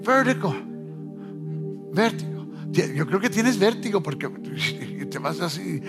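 A man preaching a fervent sermon as pastor, switching between shouted sing-song lines and low, quiet murmurs. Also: big pitch swings, slow pace. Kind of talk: Pentecostal-style sermon. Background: music playing.

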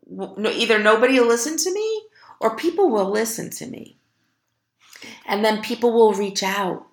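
A woman hosts her own podcast, speaking slowly and earnestly to encourage her listeners. Her voice sits low with a gravelly fry. The recording has a noticeable roomy echo. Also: a bit bright. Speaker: podcast host. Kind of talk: motivational podcast monologue.

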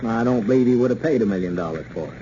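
An actor playing a skeptical, plain-spoken storekeeper, dry and matter-of-fact, in an old radio serial. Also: male voice, mid-range voice, animated, very fast, warm tone, natural voice. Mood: doubtful. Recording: dull, noisy old radio recording.

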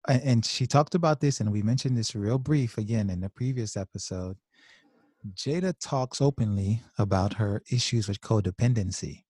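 A man co-hosting a podcast as a clinician, talking through ideas in a thoughtful, measured way with hesitant restarts. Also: lowish voice, a little mellow, husky, no echo, clean studio sound. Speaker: podcast host, clinical social worker. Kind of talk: casual podcast discussion.

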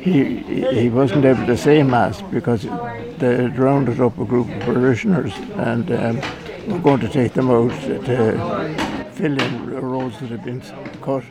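A man telling a family story in an informal interview, with a hesitant, halting delivery. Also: mid-range voice. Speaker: event attendee being interviewed. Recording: crowd chatter behind the voice. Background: crowd chatter.

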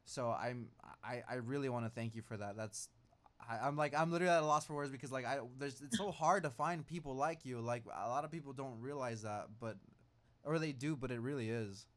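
Young male interviewer, halting and chatty. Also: mid-range voice. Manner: halting, frequent "like" and "mm-hmm". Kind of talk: casual interview.

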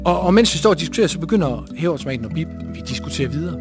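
A man telling a personal story on stage, lively and animated, acting out the quotes. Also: on the high side, over music. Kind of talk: live storytelling.

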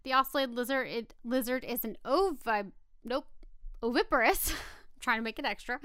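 A woman co-hosting a casual animal-facts podcast, reading from notes with chatty asides and an expressive, playful way of talking. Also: a little high, moderate pace, clear, resonant tone, no room sound, clean studio sound. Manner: giggly, expressive, stumbles playfully over scientific words. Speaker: podcast co-host.

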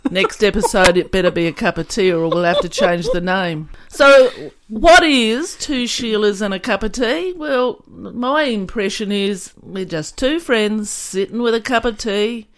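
A woman's voice: mid-range voice, animated, measured pace, few pauses. Teasing woman hosting a chat. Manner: teasing, dry, leads the talk. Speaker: podcast host. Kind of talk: casual chat.

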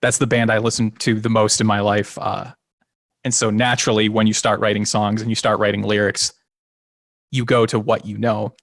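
A singer-guitarist with a lowish, creaky, slightly nasal voice chats at normal speed in a casual interview. He rambles comfortably, starting sentences over and laughing a little, captured dry at studio quality.

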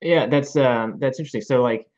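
A man hosting a casual interview, talking in a relaxed, hesitant way with fillers. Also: medium pitch, a little fast. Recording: dull lo-fi audio.

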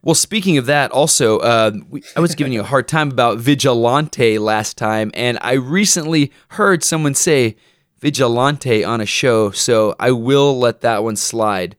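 A man co-hosting a casual podcast, talking in a relaxed, easygoing way and joking at his own expense. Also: medium pitch, a little slow, smooth, no room sound, studio quality. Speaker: podcast co-host.

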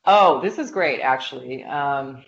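A woman's voice: rumbling low, lively intonation, unhurried, vocal fry, highs cut off. A woman guest in a conversational interview, chatty and self-deprecating, with lots of "like" and fillers. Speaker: interview guest, business leader.

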